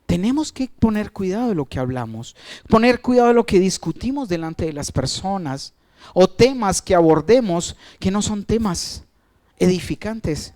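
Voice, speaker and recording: A male pastor preaching a sermon, asking the congregation questions, stretching out key words and letting his phrases fall away quietly. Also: expressive, normal speed. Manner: asks the congregation questions and answers them; wide swings of pitch and loudness, trailing off at phrase ends.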